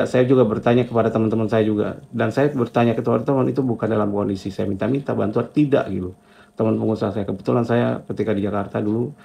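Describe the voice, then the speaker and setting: A man's voice: fairly low pitch, gravelly, warm tone. A middle-aged man telling his own story as a motivational testimony, reflective and repetitive, ending phrases with a casual filler. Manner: reflective, talks in short repeated phrases with a filler at each line end.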